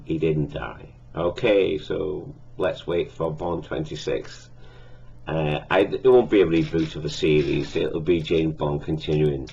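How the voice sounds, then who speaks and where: A man giving a casual spoken film review, halting with many fillers and self-corrections. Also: extremely low pitch, vocal fry, darkish tone, slightly rough, highs cut off.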